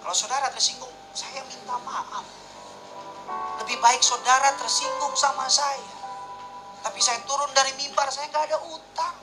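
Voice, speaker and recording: A man preaching a sermon as pastor, in a casual, emphatic way that swings between loud and hushed. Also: very high-pitched, flat delivery, moderate pace, music in the background, low-quality recording.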